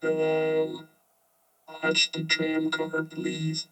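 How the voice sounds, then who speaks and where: A man's voice: a little high, monotone, extremely slow, a bit bright, smooth, faint music behind. A man talking through a robotic voice-changer filter, in a casual chat testing a voice changer. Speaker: podcast co-host.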